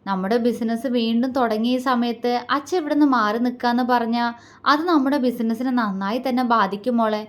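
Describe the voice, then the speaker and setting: A loving aging father in a storybook romance, soothing and gently teasing, as a woman narrator voices him. His tone stays affectionate and calm. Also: on the high side, a little fast, natural voice.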